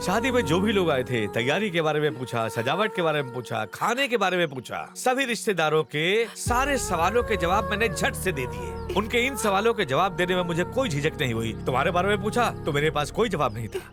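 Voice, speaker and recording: A man's voice: sits high, big pitch swings, fairly quick, few pauses, music in the background. An actor playing a stern middle-aged businessman father in a dubbed film, lecturing with scorn. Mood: scolding.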